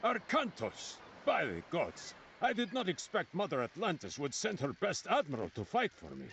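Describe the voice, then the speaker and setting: A man's voice: fairly high pitch, wildly swooping pitch, moderate pace, gravelly, a bit bright, dull audio, slight background noise, heavily acted. A grand warrior king. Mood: regal. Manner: grand, welcoming, declamatory. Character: proud warrior king, middle-aged.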